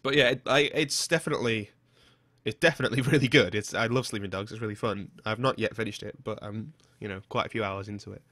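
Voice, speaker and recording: A man's voice: on the low side, fast, pushed and bright, no echo. A man co-hosting a casual podcast chat, chatty and casually profane. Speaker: podcast co-host.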